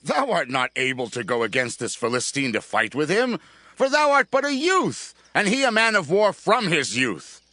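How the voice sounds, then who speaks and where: An anxious, solemn king played by a man in a scripture drama. His forceful, raised voice moves with regal emphasis in a dry recording. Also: a little high, wildly swooping pitch, moderate pace, no echo, exaggerated voice. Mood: doubtful.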